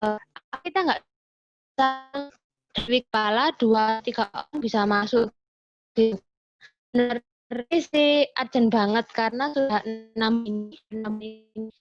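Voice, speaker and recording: A woman speaking in halting fragments at an online meeting, her audio breaking up and cutting in and out over a choppy video call. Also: on the high side, muffled recording, faint music behind. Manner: halting, fragmented speech full of hesitations. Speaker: student organization member at a campus meeting.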